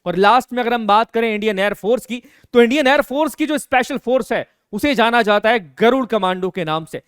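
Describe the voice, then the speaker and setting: An earnest man lectures students in an emphatic, direct way. His voice is high and smooth. The recording is dry and close. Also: a little fast, dry recording. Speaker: teacher. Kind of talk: educational lecture.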